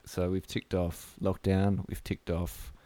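A man's voice: sits low, little pitch movement, slow pace, warm tone, dry recording. A man with a broad Australian accent hosting a casual podcast chat in a blokey, slangy, sweary way. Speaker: podcast host.

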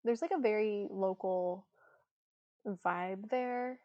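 A woman's voice: mid-range voice, slow pace, no echo, muffled recording. A woman co-hosting a casual travel podcast, chatty and giggly, with lots of fillers. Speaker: podcast co-host.

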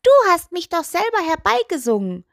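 A cheeky little talking toe from a children's storybook, voiced by a woman. He sneers and teases in a high, bouncy voice that swoops up and down, and nothing anyone says impresses him. It sounds close and dry. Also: big pitch swings, normal speed, vocal fry, fairly bright tone, no echo, exaggerated voice. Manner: insulting, smug, bratty.

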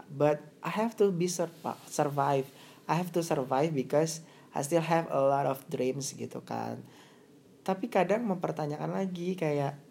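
A woman's voice: deep voice, darkish tone, slight background noise. A young woman talking in a casual chat, reflective and thoughtful, often slipping English phrases into her speech. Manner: reflective, mixes English into Indonesian.

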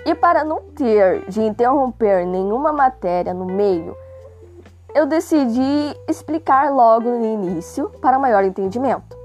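Young woman, Brazilian accent, higher voice, sore worn throat, chatty casual narration, playful exasperation, faint music underneath. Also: darkish tone. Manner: chatty, joking, self-deprecating, exaggerated exasperation. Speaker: host reading a magazine aloud. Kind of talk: casual informal narration with asides.

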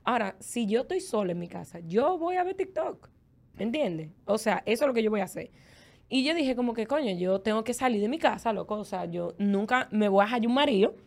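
A young adult woman with a Dominican Spanish accent, co-hosting a casual chat and telling candid, expressive stories. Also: fairly high pitch, fairly quick, gravelly. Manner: candid, expressive storytelling with lots of fillers. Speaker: podcast co-host.

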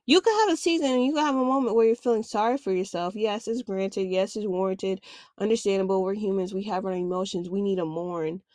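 A woman's voice: mid-range voice, fairly quick, a little mellow, dry recording, studio quality. A woman hosting a self-help podcast, talking candidly and casually with slang. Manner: candid, conversational, uses slang. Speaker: podcast host.

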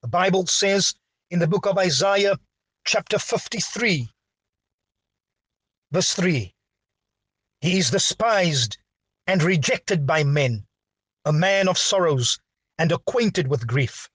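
A man preaching a sermon with a dramatic, drawn-out delivery and big swings in pitch. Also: a bit bright, breathy edge, no room sound.

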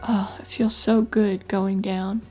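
A woman's voice: medium pitch, flat delivery, slow pace, dark tone, soft background music. An older woman voicing a fussy male squirrel who gets easily flustered, in a storybook reading. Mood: gentle. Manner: exclaiming, put-upon, easily flustered. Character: fussy male squirrel grumbling then softening.

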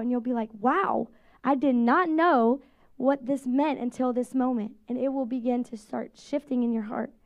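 A woman in her thirties, a pastor, giving a conversational, animated sermon to a congregation. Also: fairly high pitch. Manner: conversational, animated preaching with quoted voices.

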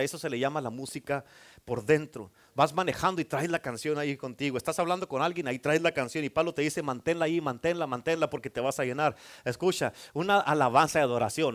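Male pastor, fiery preaching with a high voice. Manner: fervent preaching with rising intensity, joking asides. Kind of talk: sermon.

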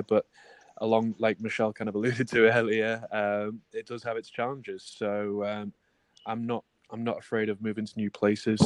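A man from England with a Liverpool accent, talking as an interview guest in a relaxed way, often saying basically and kind of. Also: fairly low pitch, dry recording. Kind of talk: casual interview.

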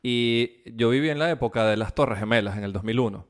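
A man's voice: mid-range voice, fairly quick. A man with a Venezuelan accent, chatting casually as a podcast co-host, telling stories with acted-out voices and frequent laughter. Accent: Venezuelan Spanish. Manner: animated storyteller, acts out voices and laughs often. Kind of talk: casual chat.

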